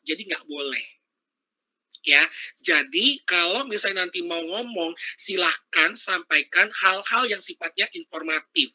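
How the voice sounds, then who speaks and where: A man's voice: sits high, pushed and bright, muffled recording. A man giving a casual, interactive workshop talk over a video call. He chats freely and keeps asking his audience questions. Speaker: workshop speaker.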